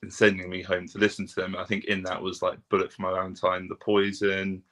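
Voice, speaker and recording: A man in his twenties, a band's bassist, answering interview questions in a relaxed, rambling way. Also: fairly quick. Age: 20s. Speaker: band member, bassist.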